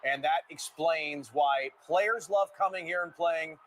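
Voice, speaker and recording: Fairly high-voiced male parade commentator. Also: unhurried, fairly bright tone. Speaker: parade coverage co-host. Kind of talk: live parade commentary, casual banter. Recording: faint background noise.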